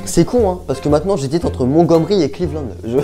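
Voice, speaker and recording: A man's voice: fairly high pitch, fast, warm tone, faint music behind. A young man chatting casually to his viewers while thinking aloud, hesitant and chatty. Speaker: youtuber. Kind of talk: casual vlog chat.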